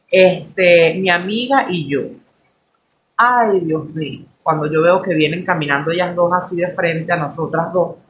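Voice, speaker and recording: A young woman with a Venezuelan accent, telling a personal faith anecdote with lively asides to listeners. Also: medium pitch, a little hiss or hum. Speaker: storyteller.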